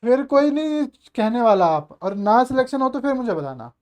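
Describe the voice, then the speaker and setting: A man's voice: extremely high pitch, sing-song, moderate pace. A male maths teacher giving an online exam-prep lecture, chatty and coaxing, asking the class rhetorical questions and mixing English terms into his explanations.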